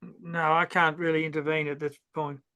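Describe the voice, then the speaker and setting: A man's voice: on the high side, level tone, moderate pace, sharp tone, smooth. A man hosting a video call, patiently guiding someone through screen sharing. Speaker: meeting host helping with screen sharing. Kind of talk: casual tech help on a video call. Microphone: video call computer mic.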